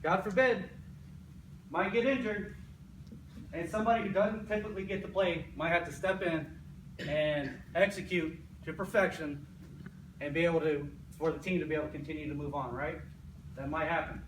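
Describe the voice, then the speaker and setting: A man's voice: fairly high pitch, steady tone, normal speed. An American man, an army sergeant, giving a motivational pre-game speech in an emphatic, repetitive way, often checking in with "right?". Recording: echoey, noisy room, distant mic.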